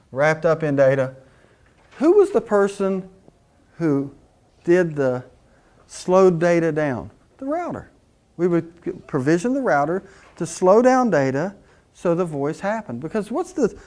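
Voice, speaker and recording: A man's voice: a little high, a little mellow. A middle-aged man teaching a technical class in a conversational way, telling anecdotes and asking rhetorical questions. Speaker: instructor. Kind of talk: technical lecture.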